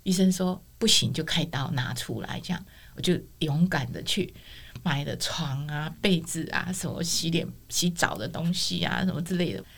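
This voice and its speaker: Middle-aged lady telling her life story, lowish voice, does all the voices in her tale. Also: moderate pace, creaky, husky. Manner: expressive storyteller, acts out quoted dialogue. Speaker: guest sharing a testimony. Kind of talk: personal testimony storytelling.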